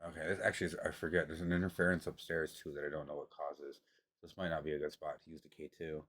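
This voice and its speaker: A man streams from home with his camera set on a table, talking in a loose, rambling and often profane way. His voice sits very low. The sound is dry and close, with almost no room echo. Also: level tone, quick pace, fairly bright tone. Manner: rambling, loose and profane, talks with mouth full at times. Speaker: streamer doing tarot readings. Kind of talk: casual livestream chat.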